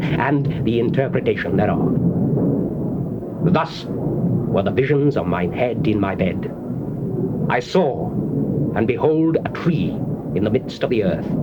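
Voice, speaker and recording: Guy playing proud old-testament king, slow solemn stagey delivery, muffled tape w/ loud noise. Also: medium pitch, close to an everyday voice. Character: proud Babylonian king recounting a troubling dream. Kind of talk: dramatized scripture reading, declamatory theatrical acting. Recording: noisy, dull old cassette tape recording.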